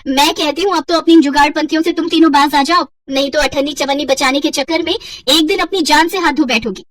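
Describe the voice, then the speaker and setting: A woman's voice: high-pitched, brisk, dry recording, studio quality, recorded from a distance, natural voice. A woman voicing a sensible young sister-in-law who lectures firmly in a cartoon story. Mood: lecturing. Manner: lecturing, firm.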